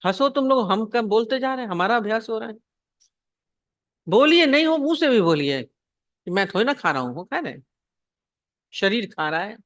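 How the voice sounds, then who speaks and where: A woman's voice: on the high side, very animated, normal speed, pauses often, no echo, clean studio sound. A woman spiritual teacher giving a devotional discourse. She asks rhetorical questions, repeats her points and acts out short anecdotes.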